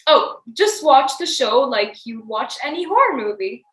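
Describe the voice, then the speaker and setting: A woman's voice: high-pitched, sing-song, unhurried, fairly bright tone, heavily acted. A woman playing a theatrical fairy-tale storyteller, narrating a comic stage show. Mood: wry. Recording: roomy stage sound.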